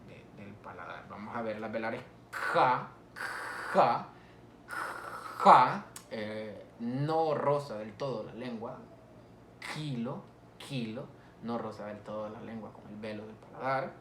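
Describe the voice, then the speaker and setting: A male teacher, giving a slow phonetics lesson and repeating each example word for students to copy. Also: fairly low pitch, fairly bright tone, slight background noise. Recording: echoey room.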